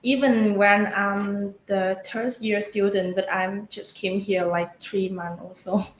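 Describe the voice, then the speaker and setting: A woman's voice: medium pitch, fairly even intonation, slow pace. A young woman from Vietnam, a university student, answering shyly and unsure as a guest. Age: young adult. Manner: shy, unsure, soft laughs. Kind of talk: casual interview answers. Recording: echoey room, faint noise.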